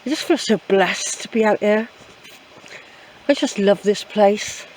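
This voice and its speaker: A woman's voice: medium pitch, unhurried, a little mellow, slight background noise, rough recording. An older woman with an English accent, chatting reflectively and repeating phrases as she vlogs outdoors on a woodland walk. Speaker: hiking vlogger. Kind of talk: casual rambling walk commentary.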